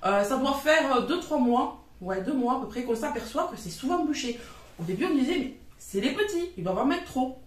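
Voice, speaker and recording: A woman's voice: sits high, animated, brisk, recorded from a distance. Chatty southern French woman, echoey room. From southern France. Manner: chatty and down-to-earth, frank and colloquial. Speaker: vlogger showing her grocery haul. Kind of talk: casual chat. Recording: roomy echo, voice from off the mic.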